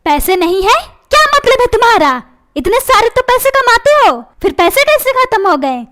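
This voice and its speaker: A woman's voice: very high-pitched, very animated, normal speed, fairly bright tone, heavily acted. A woman voicing a nagging, complaining housewife and mother in a comic cartoon.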